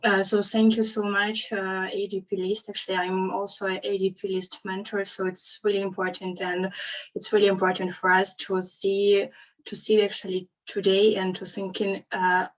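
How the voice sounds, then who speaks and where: Flat-voiced woman. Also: mid-range voice, poor audio. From Ukraine. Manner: hesitant, with frequent "uh" fillers. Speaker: service designer and mentor. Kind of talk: self-introduction on a video call.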